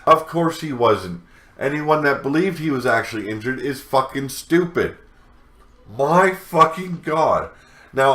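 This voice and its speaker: A man's voice: medium pitch, sharp tone, echoey room. A man hosting a wrestling news show, delivering a scornful rant full of profanity. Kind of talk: ranting news commentary.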